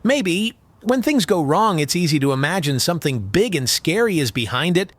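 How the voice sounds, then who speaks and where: A man as an animated, earnest young bird. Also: fairly high pitch, moderate pace, dry recording. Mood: reflective, earnest. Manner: earnest, flustered, wordy. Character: earnest, anxious young male bird, imaginative sound recordist. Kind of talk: scripted audio story acting.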